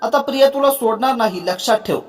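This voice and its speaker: A narrator doing a chiding young friend. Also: male voice, very high-pitched, fast talker, soft background music. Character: young man, scolding friend.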